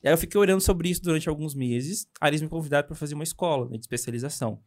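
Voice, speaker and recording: Fast-talking Brazilian man telling a story. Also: fairly high pitch. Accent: Brazilian Portuguese. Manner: animated, hurried telling with many tag questions. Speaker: missionary guest. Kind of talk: casual interview storytelling.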